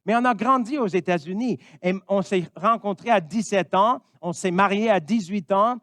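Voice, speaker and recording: A man's voice: high-pitched, normal speed, fairly bright tone, no echo, clean studio sound. A man in his fifties from Missouri, a pastor, preaching a sermon in an earnest way and often saying amen. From Missouri, United States.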